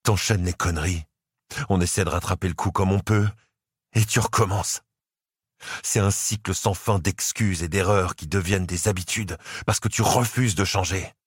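A man's voice: moderate pace, slightly rough, no echo, studio quality. A man voicing a tired, protective older brother who speaks firmly in an audiobook. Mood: stern. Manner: firm, controlled, low and tired. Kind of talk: audiobook character voice.

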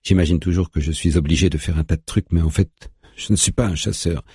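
A man voicing a worried, remorseful middle-aged father who speaks gravely. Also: deep voice, fairly even intonation, brisk, warm tone, no echo, studio quality.

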